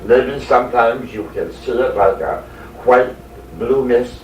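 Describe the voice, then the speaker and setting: A solemn male spirit teacher, as a medium speaks him, measured and instructive as he guides a sitter. The voice comes from a distance in an echoey room on hissy tape. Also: mid-range voice, a little mellow, muffled recording, natural voice. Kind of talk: seance trance teaching. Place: dark seance room.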